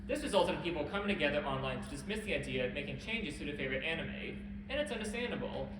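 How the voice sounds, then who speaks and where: Fast-talking man presenting in an echoey hall. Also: on the high side, expressive. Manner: brisk, wry, occasional self-corrections. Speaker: convention panel host. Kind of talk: presenting a history talk. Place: convention panel room. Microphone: camera at a distance. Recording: echoey hall, distant camera, background hum.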